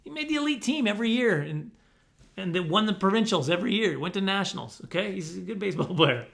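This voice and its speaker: Man, middle-aged, comic storyteller, bright, slightly high voice, mock-defensive repetition. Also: lively intonation, fast talker, vocal fry. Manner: mock-defensive, repeats himself for comic effect. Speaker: comedian telling stories.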